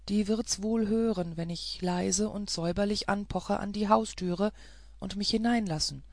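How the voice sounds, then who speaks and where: A shaken, honest manservant from a storybook, pouring out his worry in an agitated voice, as a woman narrator plays him. The tone has a gravelly texture and a dry, close sound. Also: medium pitch, darkish tone, no echo. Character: frightened, honest male house servant.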